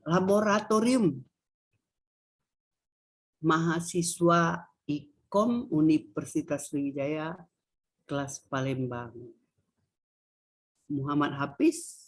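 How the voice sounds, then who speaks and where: A woman's voice: low-pitched, slightly rough. A middle-aged woman gives a university lecture, quizzing students and stressing key words with a rising voice. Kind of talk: classroom lecture on Indonesian grammar.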